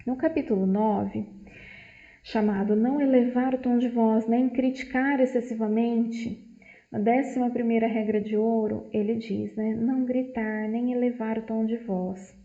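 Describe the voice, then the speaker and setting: A woman's voice: on the high side, fairly even intonation, measured pace. A woman presenting a book study to a group, explaining at length and tagging her sentences with questions. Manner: explanatory, frequent "né" tags. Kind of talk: informal book study talk. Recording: dull lo-fi, roomy echo.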